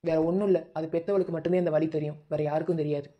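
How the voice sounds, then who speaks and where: A woman's voice: low voice, steady tone, rapid-fire, muffled recording, very noisy, natural voice. A woman voicing an older village woman in a cartoon, bluntly explaining in a Madurai Tamil accent.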